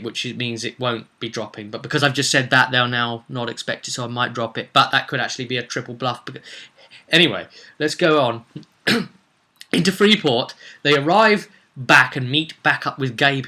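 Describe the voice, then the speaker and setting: In a bright, forceful, medium-pitched voice, a game master tells the story of his tabletop roleplaying campaign for a laid-back vlog. Dramatic emphasis and meandering tangents run through his recap.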